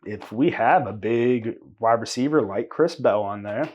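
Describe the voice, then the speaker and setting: A man's voice: mid-range voice, unhurried, darkish tone, breathy edge, muffled recording. A man co-hosting a sports podcast in casual, conversational chat. He trails off and restarts his sentences and sometimes uses mildly salty words. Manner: loose and conversational, trails off and restarts mid-thought. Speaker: podcast co-host.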